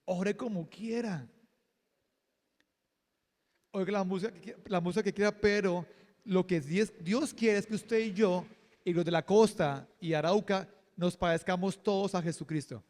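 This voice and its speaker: High-voiced pastor joking through a sermon, echoey church hall. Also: male voice, moderate pace. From Colombia. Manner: lively, joking, with laughs and acted quotes.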